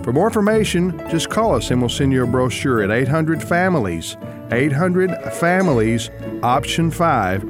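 A man's voice: fairly high pitch, very animated, normal speed, music in the background. Upbeat folksy man in a radio ad. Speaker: ministry president in a radio ad. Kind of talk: radio ad read.

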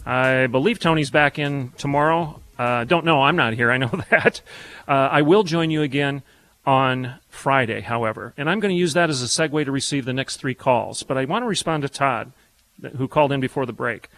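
A man's voice: mid-range voice, moderate pace, a bit bright, slight background noise, poor audio. Fervent male radio talk host. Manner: fervent, preacherly.

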